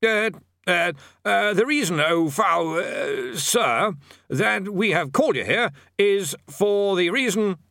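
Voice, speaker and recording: A man's voice: high voice, very animated, a little fast, sharp tone, no room sound, studio quality, pitched above the performer's own voice, heavily acted. A man voicing a fussy, nervous university bursar who stammers and is anxiously polite. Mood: flustered. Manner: flustered, stammering, overly polite.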